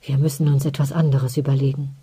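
Brief: stubborn young warrior, hushed and urgent, quick delivery, mellow tone, read by an audiobook narrator. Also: mid-range voice, little pitch movement, slightly rough, no echo.

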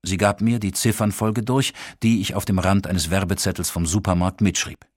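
A man reads a novel aloud in a calm, measured audiobook narration. His voice sits low, and the recording is dry and close, with no room sound. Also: no echo. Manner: calm, measured reading with lightly acted dialogue.

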